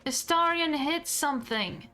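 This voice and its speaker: A woman's voice: high-pitched, animated, a little slow. A woman giving casual commentary as she streams a game, chatty and swearing freely as she explains her character's thoughts.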